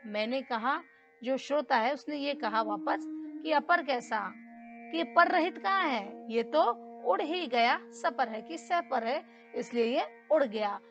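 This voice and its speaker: A woman teacher explaining a grammar lesson slowly and deliberately, repeating key terms. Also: sits high, lo-fi sound.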